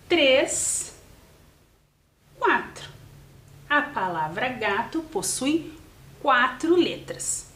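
A woman's voice: medium pitch, fairly bright tone. A woman teaching a primary school lesson to children, patiently spelling and counting aloud step by step. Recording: roomy echoing room.

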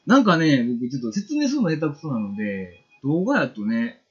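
A man's voice: a little high, huge pitch swings, brisk, slightly rough, dull audio. Chatty Kansai-accented man painting live. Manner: chatty, reads viewer comments aloud, laughs often. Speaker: watercolor painting streamer. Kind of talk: casual live-stream painting demo with chat.

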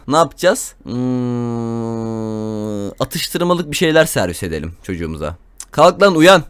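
A man's voice: mid-range voice, no room sound. A young man giving casual, crude, joking commentary while playing a game, talking to viewers and to the characters. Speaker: gameplay commentator.

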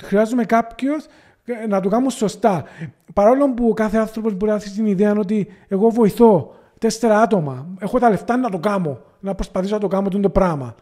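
A man's voice: sits high, dark tone. A man with a Cypriot Greek accent, speaking as a podcast guest in an earnest, impassioned way. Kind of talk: casual podcast conversation.

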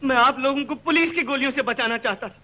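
A simple, kind-hearted young man speaks earnestly and with feeling. His voice sits very high and rings bright, a 1960s film drama performance. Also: quick pace, slight background noise, rough recording. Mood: indignant.

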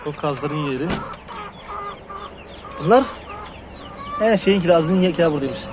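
A man with a high voice talks casually to his viewers while he tends his poultry outdoors. Clucking hens and crowing roosters are clearly heard around him, and he keeps breaking off to call to the animals. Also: moderate pace. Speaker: hobby farm vlogger. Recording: noisy outdoor farmyard recording. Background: chickens, roosters and birds.

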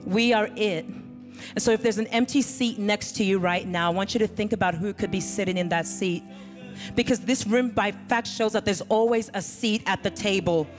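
With medium pitch and a moderate pace, a middle-aged woman pastor gives an earnest sermon into her handheld mic. The setting is a large church stage with a band behind her, heard in a reverberant hall with music.

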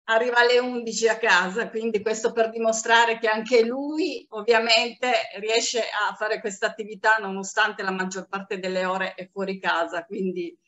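A woman's voice: mid-range voice, fairly even intonation, normal speed, hardly any pauses, fairly bright tone. A woman giving an informal personal testimonial on a group video call. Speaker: network marketing team member.

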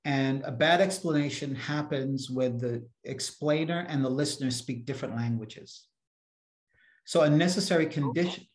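In an echoey room on a video call, a man responds to a question at an academic seminar's Q&A. He speaks at a normal speed in a medium pitch, emphatically, frequently repeating words at the start of a sentence.

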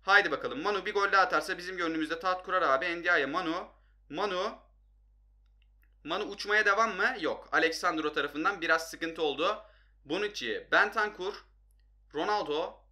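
A young man giving excitable, frustrated live commentary on his football video game, talking straight to his viewers. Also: sits high, moderate pace. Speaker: gaming youtuber.

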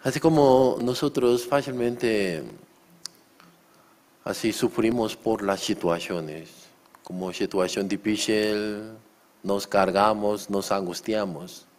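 Slow, low-voiced pastor preaching. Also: male voice, fairly even intonation. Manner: acts out shouting quotes, asks the congregation questions. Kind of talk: sermon.

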